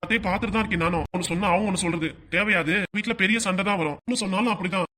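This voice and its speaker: A weary middle-aged shopkeeper dad, voiced by a man, grumbles in exasperation at a very fast clip. His voice sits high for a man, in the manner of a home-made cartoon. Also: bright, forceful tone, slight background noise. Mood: grumbling.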